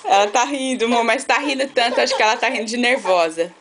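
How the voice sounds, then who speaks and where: A woman's voice: fairly high pitch, fast, noisy background. A woman filming her baby on a phone, cooing in sing-song baby talk and laughing often. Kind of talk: home video baby talk. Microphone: handheld phone camera.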